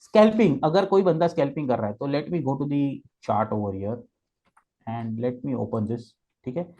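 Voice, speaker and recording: Moving unhurriedly through trading charts one step at a time, this guest expert switches between Hindi and English and keeps checking in with "okay." He has a mid-range, dark-toned voice and an animated delivery. The recording is muffled.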